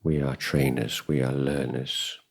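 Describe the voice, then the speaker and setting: Speaking at an extremely low pitch with vocal fry and a husky quality, a man gives a guided meditation as a Buddhist teacher. The delivery is flat, contemplative and measured, with frequent pauses between short phrases.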